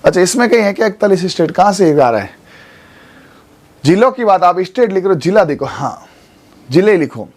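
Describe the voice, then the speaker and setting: A man's voice: high voice, very animated, fairly quick, pauses often. A man, teaching an exam coaching class in a studio. He keeps checking in with his students as he goes.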